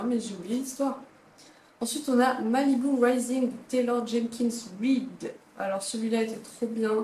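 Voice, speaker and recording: Young woman, casual book vlogger, lively opinions, echoey room recording. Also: fairly high pitch, slight background noise. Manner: chatty, dramatic reactions, reads blurbs aloud. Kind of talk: casual book ranking chat. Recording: echoey room, faint ambience.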